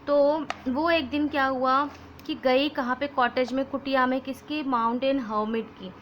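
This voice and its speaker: A woman's voice: high-pitched, steady tone, measured pace, a bit bright, a little hiss or hum. A young woman teaching a lesson to children, switching between Hindi and English as she explains. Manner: mixes Hindi and English, addresses children as "beta".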